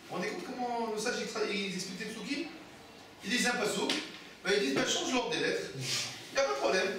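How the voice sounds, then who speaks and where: A man's voice: high-pitched, animated, fast talker, noisy background. A man, a rabbi, teaching a Torah class, asking his students questions and answering them himself. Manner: explains texts with repeated phrases and restarts. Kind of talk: Torah study lesson. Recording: echoey room, mic far off.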